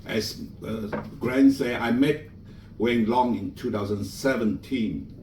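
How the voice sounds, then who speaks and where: At a book launch in a bookshop event room, a Malaysian man serving as master of ceremonies shares anecdotes chattily, his grammar slightly non-native. His medium-pitched voice is slow and darkish, captured from a distance in an echoing room with a faint hum behind it.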